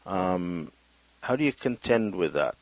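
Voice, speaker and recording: Male podcast interviewer, lowish pitch, dry sound, tentative conversational questioning with repeated words. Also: lively intonation, a little slow, no room sound.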